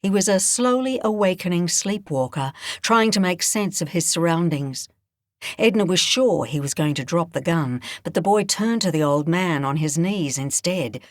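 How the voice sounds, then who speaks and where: A woman narrating a thriller audiobook in a measured, expressive way. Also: on the low side, no room sound, clean studio sound. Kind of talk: scripted narration.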